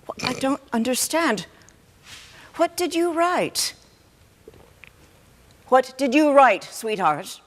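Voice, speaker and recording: A woman's voice: high-pitched, very animated, slow pace, pauses often, in a large hall, heavily acted. A woman playing a fretful, easily shocked mother who pleads and repeats herself in a stage play. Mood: bewildered. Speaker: actor.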